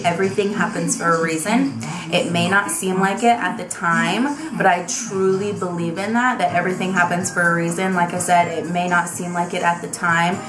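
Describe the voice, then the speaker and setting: Chatty young woman in a roomy bedroom. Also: mid-range voice. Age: 20s. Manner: chatty, animated, frequent fillers. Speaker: beauty vlogger. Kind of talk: casual tag video chat. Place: small bedroom with vanity, indoors.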